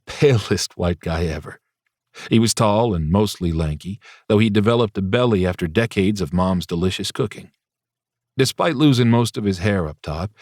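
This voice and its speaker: Wry low-voiced man narrating. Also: a little mellow, no echo, clean studio sound. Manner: wry, dryly humorous. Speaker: audiobook narrator. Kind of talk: first-person audiobook narration.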